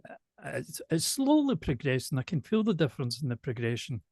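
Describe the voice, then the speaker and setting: A man from Glasgow with a softened Glaswegian accent, speaking slowly and precisely in a casual interview. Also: mid-range voice, sing-song, no room sound. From Glasgow, Scotland. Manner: slow, careful, deliberate delivery with restarts. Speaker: show presenter and singer, interviewee.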